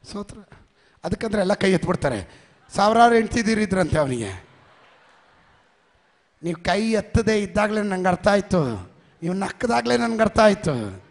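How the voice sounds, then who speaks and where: A male pastor preaching a sermon with call-and-response to his congregation, often swelling into shouts. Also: sits high, sing-song, moderate pace, creaky, long pauses. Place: church worship hall. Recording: long reverb of a large hall.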